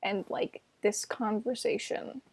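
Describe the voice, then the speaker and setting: A woman's voice: a little high, big pitch swings, slow pace, vocal fry, slightly rough, dry recording. A young woman in her twenties telling a personal story on her vlog, casual and sarcastic, defending herself with lots of filler words.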